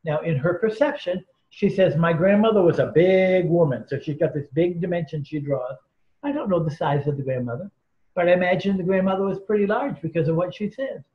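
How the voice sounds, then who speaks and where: Through roomy, dull lo-fi audio, a man with a high-pitched, animated, fairly quick voice tells stories as an interview guest. He is earnest and emphatic, acting out and quoting the people in his tales.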